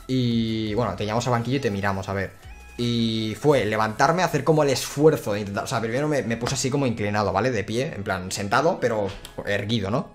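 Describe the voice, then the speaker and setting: A young man from Spain with a peninsular Spanish accent, a gaming youtuber telling a story in a casual, slangy, rambling way. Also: medium pitch. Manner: animated, slangy, rambling with restarts. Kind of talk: casual storytelling over gameplay.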